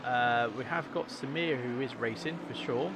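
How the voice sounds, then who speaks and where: A man's voice: medium pitch, normal speed. A man hosting a livestream with casual, chatty motorsport commentary on a sim race. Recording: clear engine noise behind voice.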